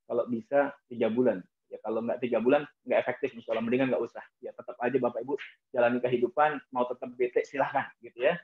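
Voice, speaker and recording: A man giving a motivational talk in a preacher-like way, often addressing his audience and softly imitating prayers. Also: medium pitch. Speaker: motivational speaker. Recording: tinny phone-like sound.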